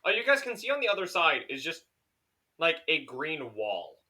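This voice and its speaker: A man's voice: fairly high pitch, moderate pace. A man narrating as game master of a tabletop game, playful and profane as he describes the scene. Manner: animated, swearing, playful.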